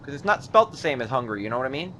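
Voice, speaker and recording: A man's voice: medium pitch, big pitch swings, racing, sharp tone, slight background noise. A man casually commentating his own gameplay in a jokey, punning, chatty way. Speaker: gaming video host. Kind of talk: casual let's play commentary.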